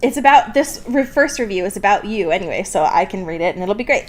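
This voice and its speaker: A young woman with a mid-range voice co-hosts a casual, comedic fan podcast, speaking fast and animatedly. She's playful, informal and giggly, and swears freely.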